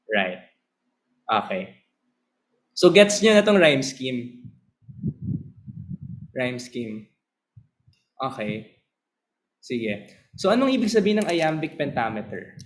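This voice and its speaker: A man teaching a class, switching between Tagalog and English, often asking the students whether they follow and reading verse slowly. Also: mid-range voice, low-quality recording. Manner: slow, drawn-out reading of verse lines. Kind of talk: lecture mixing Tagalog and English.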